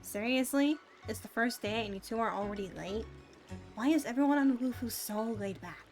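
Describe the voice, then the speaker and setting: A woman's voice: a little high, moderate pace, a little mellow, soft background music, lightly acted. A woman voicing a stern young swordswoman, with a put-on nasal, scolding tone in a game dub-along. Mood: disappointed scolding.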